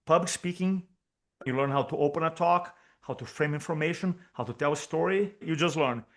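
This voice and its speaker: A Brazilian man whose first language is Portuguese speaks with a Brazilian Portuguese accent as an interview guest on a video call. His voice is fairly high and fairly quick, and as a speaking coach he talks with energy, repeating key points for emphasis.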